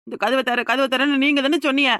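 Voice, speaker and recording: Cartoon: a jittery Kanyakumari young wife, high, fast, dry studio. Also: female voice, fairly even intonation, bright, forceful tone, no room sound. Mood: urgent. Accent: Kanyakumari Tamil. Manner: rapid, insistent, pleading. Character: frightened young village wife. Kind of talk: cartoon voice acting.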